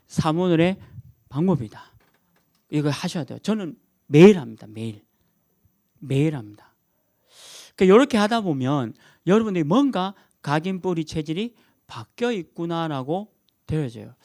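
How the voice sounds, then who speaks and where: A middle-aged man delivers a sermon with a lively, swinging delivery and a slightly high pitch, hammering home key words through repetition and chuckling at his own jokes. His voice is recorded close and dry. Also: no echo. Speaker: pastor.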